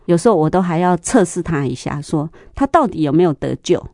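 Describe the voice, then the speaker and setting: A middle-aged woman, sharing a church testimony in an interview, telling stories lively and acting out the dialogue. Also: low-pitched, brisk, no echo, studio quality. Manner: lively storyteller, acts out dialogue, laughs often.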